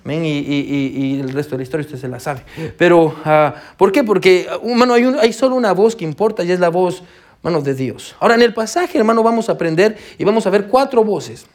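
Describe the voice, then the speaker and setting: A young man preaching a sermon to his congregation, halting with fillers and repeated words and often saying amen. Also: high voice, lively intonation. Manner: addresses the congregation as brother and sisters.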